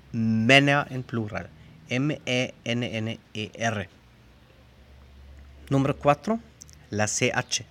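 Man carefully teaching pronunciation. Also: mid-range voice. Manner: slow, careful demonstration of sounds and spelling. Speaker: language teacher. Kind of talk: explaining pronunciation to learners.

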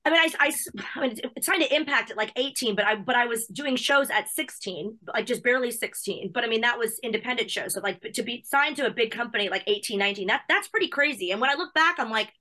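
A woman with a fairly high, bright voice talks at a rapid clip. She co-hosts a casual chat, gushing and enthusiastic as if interviewing on a red carpet. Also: expressive. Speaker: podcast co-host.

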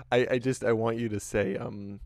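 A man's voice: medium pitch, flat delivery, a little slow, creaky, darkish tone, no room sound, clean studio sound. A man co-hosting a casual podcast, laid-back and thoughtful, often searching for his words. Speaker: podcast co-host.

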